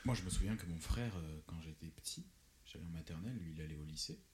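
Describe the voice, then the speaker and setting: A man's voice: low-pitched, fast, a little hiss or hum. A man in his twenties in a casual podcast chat, teasing and joking. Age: 20s.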